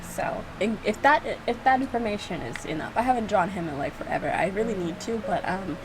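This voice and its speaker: A woman with a medium-pitched, expressive voice talks fairly quickly, reacting casually to the visual novel she made and giggling as she reads pieces of it aloud while mocking herself. Music plays behind her, and the recording quality is low.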